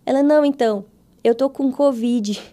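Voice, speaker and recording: Brazilian woman guest, high and mellow, fry in the voice, animated storyteller who plays out every quote. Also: moderate pace. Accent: Brazilian Portuguese. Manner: animated, acts out quoted dialogue with her voice. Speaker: podcast guest. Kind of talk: testimony storytelling in a casual interview.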